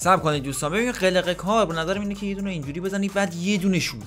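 A man's voice: sits high, loud music behind the voice. A man commentating his own football video game challenge, urging and cursing at the players on screen. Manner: shouts and curses at the players on screen. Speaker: gaming YouTuber. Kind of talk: excited gameplay commentary.

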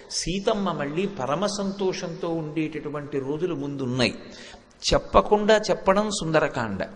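A man giving a devotional discourse from a stage, telling anecdotes and reciting verses, stressing points by repeating words. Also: high voice. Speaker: spiritual discourse speaker. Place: stage before an audience. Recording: echoey hall with long reverb.

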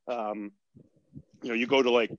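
A man's voice: medium pitch, steady tone, moderate pace, no room sound, lo-fi sound. A man hosting a casual cooking chat, talking between bites with loose restarts. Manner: chatty, talks while eating, trailing restarts. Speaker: host.

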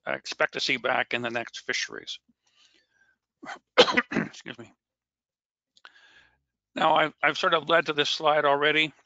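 A man walks through presentation slides at a virtual press conference, pausing, restarting and clearing his throat as his voice starts to fail. His tone is sharp and bright, and the video-call audio sounds dull and dry. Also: medium pitch, no room sound. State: losing his voice.

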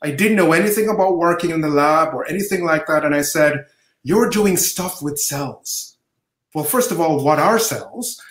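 A middle-aged man from Jamaica, a professor, answering interview questions over a video call with measured storytelling. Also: fairly high pitch, fairly bright tone. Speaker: guest professor. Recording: roomy video-call audio.

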